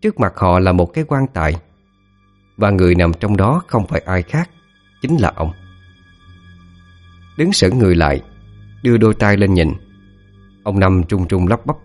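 A deep-voiced man narrates a scripted ghost story. His pitch moves in wide sweeps as he tells it, with faint music playing underneath. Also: normal speed, long pauses. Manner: dramatic, expressive storytelling.

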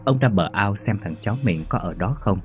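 A man reading a ghost story as narrator, steady and measured. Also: on the low side. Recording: faint music behind.

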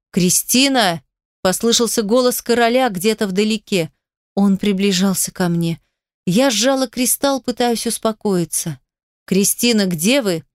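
A woman narrating a first-person fantasy audiobook in an expressive storytelling manner. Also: medium pitch, dry recording, studio quality.

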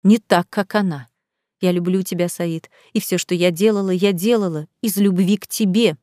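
A woman's voice: steady tone, moderate pace, dark tone, no echo, clean studio sound, close to an everyday voice. A woman voicing a spoiled young bride who lies, pleads and bursts out shrilly in an audiobook. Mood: pleading. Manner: shrill outbursts, lying, pleading.

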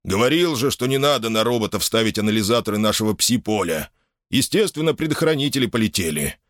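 A man's voice: on the low side, expressive, fast, fairly bright tone, no room sound, studio quality, voice pushed up. A man voicing an irritable male scientist who speaks in a grumbling, matter-of-fact way, as in an audiobook. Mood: irritated.

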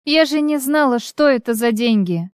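A woman's voice: high voice, lively intonation, moderate pace, clear, resonant tone, no room sound, clean studio sound, voice pushed up. Woman reading as a pleading young woman executive. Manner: pleading, shaky.

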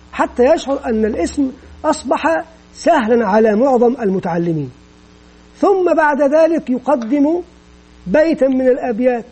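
A man lectures on teaching methods in a steady, explanatory manner, often repeating a phrase for emphasis. His voice sits very high yet sounds dark and mellow. There is a husky, breathy edge to it. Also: low-quality recording. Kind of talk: educational lecture.

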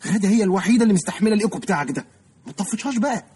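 A man's voice: high voice, animated, very fast, a little mellow, a little hiss or hum. An actor with an Egyptian accent playing a heavyset, awkward man who keeps fumbling and apologizing. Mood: exasperated scolding.

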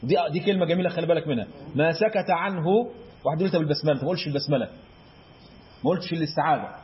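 Here a slightly high, husky male voice comes through with the highs cut off. In an explanatory lesson, this Egyptian-accented teacher covers Quran recitation rules, asks his listeners questions and answers them himself, and chants examples from verses in a drawn-out recitation tone.

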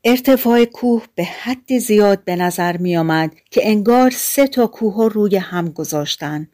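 A woman narrating fairy tales for an audiobook in a calm, colloquial storytelling manner. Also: medium pitch, no room sound, studio quality.

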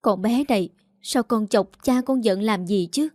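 A woman voicing a gentle, long-suffering mother who softly begs and soothes. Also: medium pitch, measured pace, no echo, studio quality, lightly acted. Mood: tearful pleading. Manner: soft imploring.

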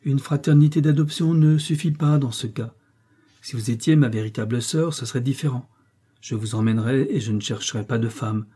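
A man's voice: mid-range voice, brisk, warm tone, husky, lightly acted. A man reading the part of a stern young male missionary, speaking in a brief, commanding and insistent way.

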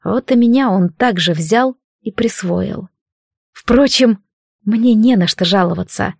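A woman reading a first-person fantasy audiobook in a calm, even storytelling manner. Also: mid-range voice, a little slow, gravelly, dry recording, clean studio sound. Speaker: audiobook narrator.

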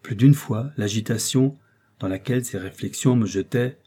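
A man reading a classic novel aloud as scripted narration, measured, with dialogue voiced more intensely. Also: medium pitch, warm tone, husky. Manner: measured, rising into emotional outbursts in dialogue. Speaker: audiobook reader.

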